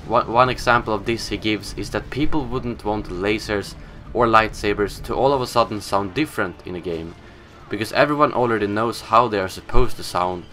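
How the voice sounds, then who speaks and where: A young man whose first language is Swedish hosts a casual, opinionated gaming news show in a scripted style. His voice is lowish and a bit bright.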